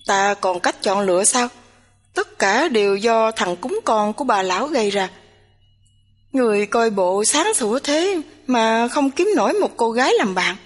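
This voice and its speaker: A woman's voice: on the high side, lively intonation, unhurried. A woman voicing a tired, reluctant young woman who answers curtly in a storybook reading. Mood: weary. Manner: tired, curt, sighing. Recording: long hall reverb.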